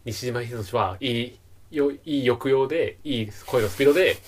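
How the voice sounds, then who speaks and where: A man co-hosting a podcast, chatting casually about a film and tripping over his words now and then. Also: mid-range voice. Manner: quick, relaxed, trips over words. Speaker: podcast co-host.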